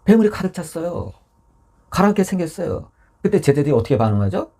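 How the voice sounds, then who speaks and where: A man's voice: on the high side, quick pace. A man preaching a Sunday sermon in a church. He acts out voices from scripture and drops to a whisper to stress a point. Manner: animated preaching, acting out scripture voices, dropping to whispers for emphasis. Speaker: pastor.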